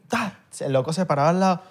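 A young Venezuelan man, a podcast guest, telling lively stories in casual chat and acting out the voices in them. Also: on the high side, breathy edge. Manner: animated storyteller, acts out voices in anecdotes.

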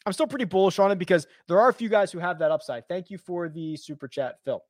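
Guy hosting a livestream, kinda high voice, casual and rambly, lots of ums. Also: quick pace, dry recording, clean studio sound. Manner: loose and chatty, many fillers and restarts. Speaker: livestream host answering viewer questions. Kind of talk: casual live-stream chat.

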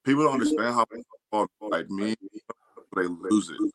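Deep-voiced male guest, halting and dry, call audio cutting in and out. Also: animated, a bit bright, no room sound, rough recording. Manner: halting, restarts often. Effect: choppy connection, audio breaking up. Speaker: interview guest, college football player. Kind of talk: remote interview over a call. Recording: dropouts on a video call line.

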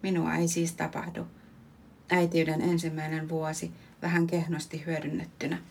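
Woman, 30s, podcast host; low, even delivery for a measured, reflective poetry reading. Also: creaky, a little hiss or hum. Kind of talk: reading her own prose poem.

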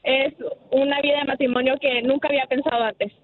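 A woman caller, speaking haltingly over the phone. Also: high voice, level tone, a crowd in the background. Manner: hesitant, halting confessional talk. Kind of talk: phone-in chat. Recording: tinny phone line.

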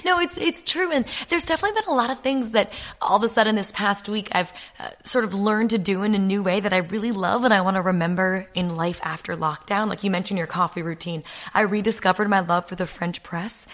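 A woman's voice: medium pitch, fairly quick. Anecdotal woman foreign correspondent. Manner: warm, anecdotal, laughs often. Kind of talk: casual remote podcast chat.

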